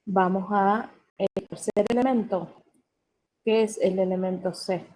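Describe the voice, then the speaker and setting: Slow, mellow woman teaching vocabulary. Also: mid-range voice, steady tone, poor audio. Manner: spells out and repeats words slowly and carefully. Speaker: English teacher. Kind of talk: classroom vocabulary lesson.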